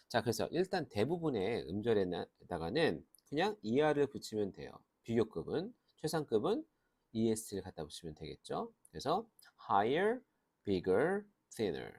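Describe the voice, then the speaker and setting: A man's voice: on the low side, a little mellow, slightly rough. A man teaching a grammar lesson, explaining step by step and asking and answering his own questions. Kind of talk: lecture.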